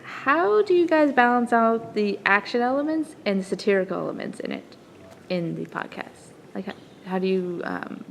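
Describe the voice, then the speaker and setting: A woman's voice: medium pitch, animated, normal speed, gravelly, a little hiss or hum, poor audio. Eager female interviewer. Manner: eager, affirming with frequent yeahs. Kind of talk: casual interview.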